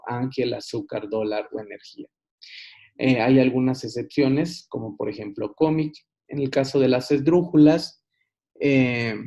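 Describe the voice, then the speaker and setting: A man giving a recorded online lesson, unhurried, with frequent hesitations and restarts. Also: mid-range voice, creaky, mellow. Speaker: teacher. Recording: dull lo-fi recording.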